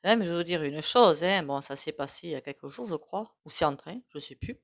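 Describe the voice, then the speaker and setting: A woman's voice: low voice, lively intonation, a little fast, creaky. Rambling French woman reading tarot. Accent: regional French. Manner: rambling, hesitant, many fillers and asides. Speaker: tarot card reader. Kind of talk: casual tarot reading to camera.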